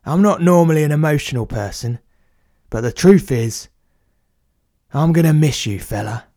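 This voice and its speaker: A man's voice: on the high side, lively intonation, moderate pace, mellow, no room sound, clean studio sound. A man voicing a cheeky, blunt working-class plumber, in a comic audio story. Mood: matey. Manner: blunt, matey, slangy.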